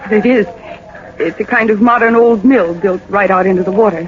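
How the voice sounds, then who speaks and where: An actress voices a polite, eager-to-help young woman, the owner's daughter, in a 1940s radio play. She speaks briskly in a mid-range voice close to everyday speech, heard through muffled old radio audio with faint noise.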